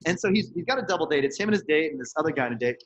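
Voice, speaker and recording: A fast, animated man tells stories from his activism, his pitch sitting a little high. His voice is husky, and he laughs and restarts often. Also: muffled recording. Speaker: activist speaking on a donor call. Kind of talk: casual storytelling.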